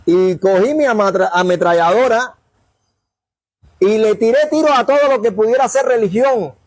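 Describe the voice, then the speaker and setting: A man's voice: very high voice, dry recording. A man preaching a sermon, telling stories and acting out the dialogue. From Cuba. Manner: animated storyteller acting out dialogue. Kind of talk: sermon storytelling.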